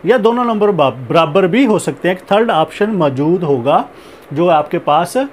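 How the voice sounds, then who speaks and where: High-voiced man slowly explaining math. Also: animated, slight background noise. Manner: slow, deliberate explaining, mixing Hindi-Urdu with English math terms; repeats filler phrases while explaining. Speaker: math teacher. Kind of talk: recorded math lecture.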